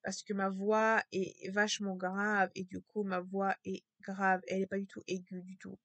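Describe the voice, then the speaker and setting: A woman talking to camera in a casual vlog with a low, strained voice, hesitant and repetitive, full of fillers and restarts. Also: completely flat delivery, moderate pace, fairly bright tone, no room sound. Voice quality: low, gravelly voice.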